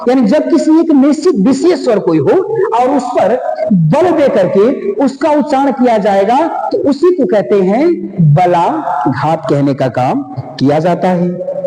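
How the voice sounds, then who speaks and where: A man teaching a grammar lesson, repeating phrases and drawing out words slowly for emphasis. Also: high voice, mellow. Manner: slow, repetitive, drawn-out words for emphasis. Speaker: Hindi teacher. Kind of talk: lecture explaining grammar. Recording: echoey room with faint noise.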